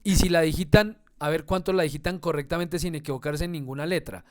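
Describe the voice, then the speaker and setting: A man teaching a class. His voice sits a little higher than most men's, and he talks in a patient, explanatory way. He often checks in with his students as he goes. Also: fast. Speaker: instructor. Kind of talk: online class lecture.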